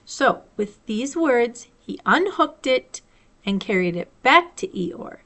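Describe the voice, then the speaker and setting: A library storytime host, a woman with a voice on the high side, reads a children's story aloud with expressive, deliberate phrasing.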